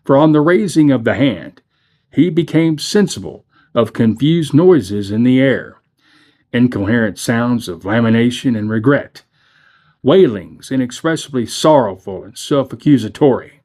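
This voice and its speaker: Brief: adult man, mid-pitched, reads a classic story aloud, measured and dramatic. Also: animated, a little mellow. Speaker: church reader.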